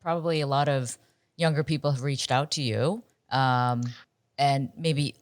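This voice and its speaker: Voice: mid-range voice, steady tone, a little slow, dry recording, studio quality. Earnest host asking probing questions. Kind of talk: casual interview chat.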